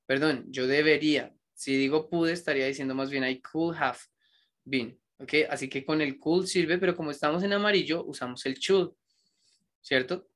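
A man teaching an English grammar lesson, with reflective rambling asides and slow, careful dictation of example sentences. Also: fairly high pitch, a bit bright. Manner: switches between explaining and slow dictation of examples.

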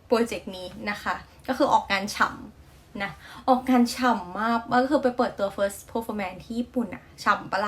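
A young woman with a Thai accent hosting a casual reaction vlog, chatty and gushing, with many fillers and polite endings. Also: fairly high pitch. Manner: polite feminine sentence endings. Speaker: reaction video host.

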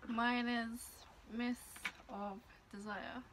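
A woman's voice: a little high, level tone, extremely slow, background noise. A young woman making short, casual remarks as a friend in a challenge video. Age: young adult. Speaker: friend taking part in a challenge. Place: small domestic room, indoors.

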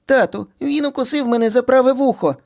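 A man's voice: very high-pitched, fairly quick, creaky, darkish tone, voice pushed up. A man voicing two squabbling little boy bunny brothers in a storybook reading, whiny and bickering.

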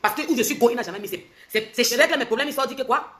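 A woman's voice: on the high side, a bit bright. A woman, ranting angrily in a confrontational social media livestream and firing off accusing questions. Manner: angry, confrontational, rapid-fire questions. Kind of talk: heated livestream rant.

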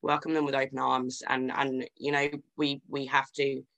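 Bright, measured woman co-host. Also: a bass voice, little pitch movement. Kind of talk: casual chat on a video call.

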